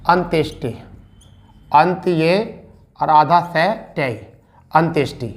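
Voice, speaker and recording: Slow-drilling male teacher. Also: a little high. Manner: repeats each word slowly and quizzes students; addresses listeners as beta and bhaiya. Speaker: Hindi teacher. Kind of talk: online exam-prep lesson.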